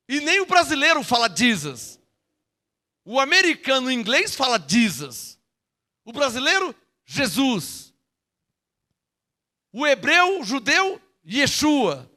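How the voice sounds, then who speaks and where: Brazilian male preacher, high bright voice, emphatic Bible teaching with rhetorical questions. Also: wildly swooping pitch, measured pace. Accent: Brazilian Portuguese. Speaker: pastor.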